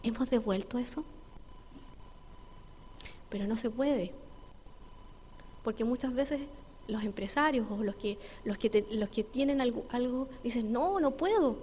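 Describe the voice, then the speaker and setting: A woman's voice: fairly high pitch, darkish tone, slight background noise. Woman pastor preaching in an echoing church. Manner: earnest, preacherly, slows for emphasis. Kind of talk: sermon with storytelling. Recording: reverberant church hall with faint ambience.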